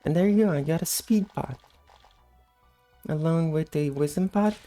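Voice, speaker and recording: Woman, deep-pitched morning voice, just woke up, relaxed and low-key, casual game commentary, light music behind. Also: moderate pace. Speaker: gameplay host.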